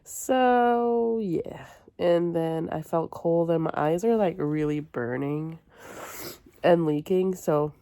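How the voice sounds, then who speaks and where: Female vlogger, low gravelly fry, congested and run-down, casual chat, close dry sound. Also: takes it slowly, warm tone, no room sound. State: sick with a cold and stuffy nose. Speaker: book vlogger. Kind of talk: casual chatty vlog to camera.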